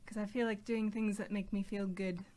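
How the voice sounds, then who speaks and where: A woman's voice: medium pitch, level tone, normal speed, warm tone. A woman co-streamer in easygoing casual chat. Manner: easygoing, chatty.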